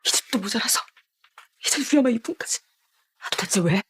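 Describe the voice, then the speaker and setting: A woman's voice: on the high side, expressive, normal speed, fairly bright tone, a little hiss or hum. An actress voicing a wronged, grieving young pregnant woman who defies her family in a dubbed TV drama. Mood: defiant, grieving. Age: young adult. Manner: tearful, pleading defiance. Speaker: pregnant niece.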